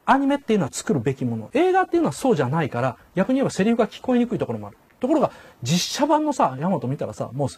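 Husky, animated older man critiquing films. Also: sits high, rapid-fire, few pauses. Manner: animated, acts out quoted dialogue in raised voices; chuckles while talking. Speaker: commentator. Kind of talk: casual spoken critique.

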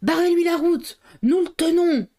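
A woman's voice: fairly high pitch, a little fast, darkish tone, lightly acted. A woman voicing a bold, mocking middle-aged male detective in a novel read aloud. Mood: shouting.

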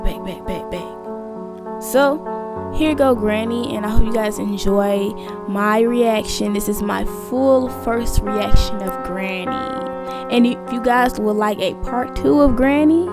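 A woman's voice: medium pitch, a little slow. A young woman YouTuber chatting casually and nervously to her viewers while playing a horror game at home. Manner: chatty, slangy, nervous and jumpy. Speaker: gaming YouTuber. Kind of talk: casual let's-play chat to viewers. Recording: music playing behind the voice.

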